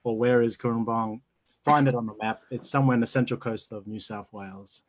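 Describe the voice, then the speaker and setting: A man's voice: medium pitch, steady tone, brisk. A man in his thirties, born in New Zealand, a church pastor talking easily about his family and work in a casual interview. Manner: easygoing, laughs often. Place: home, video call.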